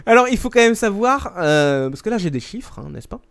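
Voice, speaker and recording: Joking guy host reading weird news, kinda high voice, lots of pitch swing. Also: big pitch swings, fairly quick, a bit bright. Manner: laughing, playful, reads news items. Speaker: podcast host. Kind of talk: casual podcast chat.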